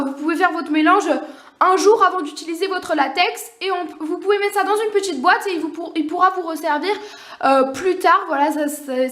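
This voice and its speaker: A young woman giving a casual, unscripted nail art tutorial, talking quickly with many fillers and apologies. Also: extremely high pitch, a bit bright. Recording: echoey room.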